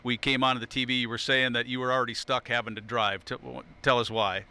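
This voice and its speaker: A man's voice: medium pitch, flat delivery, bright, forceful tone, clear, resonant tone. A man hosting a televised bowling tournament, interviewing players and presenting trophies with an upbeat manner. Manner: upbeat, quick to laugh. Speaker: TV sports host.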